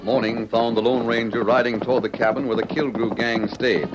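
A man's voice: medium pitch, fairly even intonation, brisk, noisy background, lightly acted. A man narrating a vintage radio western drama, reading scripted story links. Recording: muffled old radio recording with music. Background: music.

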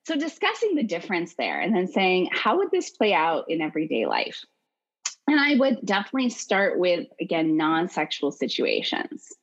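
A woman's voice: on the low side, wildly swooping pitch, normal speed, dull audio. A woman as a podcast guest, explaining things animatedly and acting out quoted voices. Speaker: podcast guest, consent educator. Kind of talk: podcast interview.

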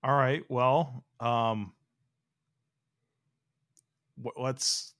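A man's voice: medium pitch, steady tone, slow pace, a bit bright, no room sound, clean studio sound. A man hosting a sports podcast in casual chat, talking in a rambling way with lots of "like". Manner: rambling, heavy use of "like". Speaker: podcast host.

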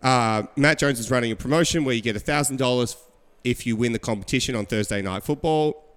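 A man hosting a casual sports podcast, telling stories with animated quoting. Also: medium pitch, fairly quick, smooth, in a large hall. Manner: animated storyteller, acts out quotes. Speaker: podcast host. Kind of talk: casual chat.

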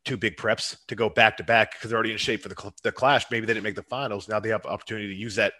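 A man who runs competitions, chatting fast and getting fired up and preachy about his mission. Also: on the low side, steady tone, bright, forceful tone. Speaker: competition promoter. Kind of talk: casual chat.

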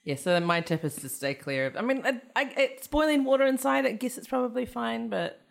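A woman's voice: on the high side, expressive, a little fast, vocal fry. A woman, co-hosting a podcast and telling things with wry, dramatic emphasis. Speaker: podcast co-host. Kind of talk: casual chat.

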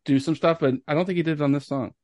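A young man with a fairly high, darkish voice talks very fast in a steady tone while co-hosting a casual podcast. He tells enthusiastic stories sprinkled with casual swearing, and there is no room sound.

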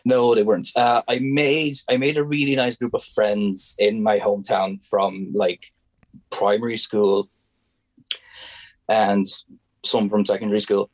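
A young Hungarian man speaks English with a Hungarian accent in a fairly low voice, hesitating and restarting as he searches for words. The recording is dry and close, with no room sound. He sounds like a guest in a relaxed, chatty interview. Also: a little slow, no echo. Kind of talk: casual conversational interview.

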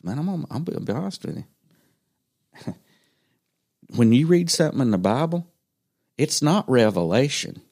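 A man's voice: medium pitch, very animated, measured pace, vocal fry, pauses often, darkish tone, husky. A man talking bluntly and folksily about faith in a casual chat.

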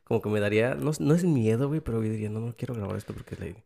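A man interviewing in a loose, slangy way. His voice is fairly low with a clear creak, and he drops in short affirmations as he chats. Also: racing, warm tone. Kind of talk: casual chat.

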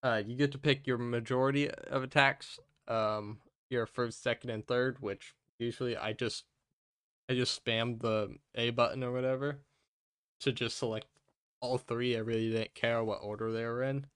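A man hosting a casual gaming podcast, talking in a rambling, halting way with his speech muffled by gauze in his mouth. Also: medium pitch, fairly even intonation, a bit bright, clear, resonant tone, no room sound, studio quality. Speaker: podcast host.

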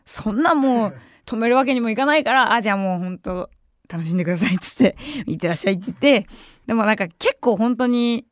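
A woman's voice: a little high, quick pace, no echo, studio quality. A young woman hosting a radio show, telling a story in a casual, chatty way and acting out the voices of people she quotes. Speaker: radio personality. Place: radio studio.

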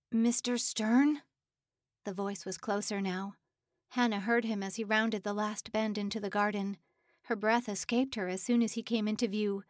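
A woman narrating an audiobook in a steady, measured storytelling voice. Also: mid-range voice, no room sound, clean studio sound.

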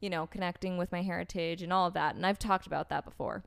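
Low-pitched, creaky and quick, with a steady tone, a young American woman relates a personal story in everyday conversation. She rambles along, relying on "like" and "um" and repeatedly beginning sentences again.

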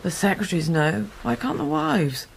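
An actress playing a resentful wife in a spy drama, needling and sarcastic in manner. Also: female voice, medium pitch, very animated, moderate pace, vocal fry, slight background noise. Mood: bitter, needling. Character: resentful, sardonic wife of a secretive intelligence man. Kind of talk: naturalistic spy drama dialogue.

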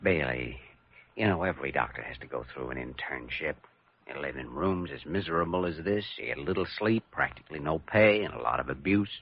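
A man playing an earnest, compassionate young hospital doctor in a classic American radio drama, with a gravelly American voice. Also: rumbling low, lively intonation, brisk, a little hiss or hum. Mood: earnest, urging. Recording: dull vintage radio recording.

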